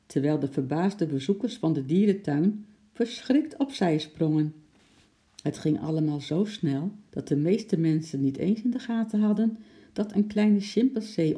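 A narrator reading a children's storybook aloud in a steady, expressive way. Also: mid-range voice, a little slow.

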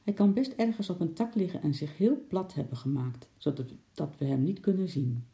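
A man's voice: high-pitched, lively intonation, brisk, warm tone. A man doing an earnest hunter father. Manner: earnest, explaining. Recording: roomy echo.

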